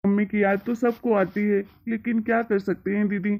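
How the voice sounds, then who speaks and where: An earnest young brother, as a woman puts him on in a cartoon moral story, gently reassuring his sister. The voice is pushed far below the performer's own, with a gravelly edge. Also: medium pitch, flat delivery, moderate pace, pitched below the performer's own voice, natural voice.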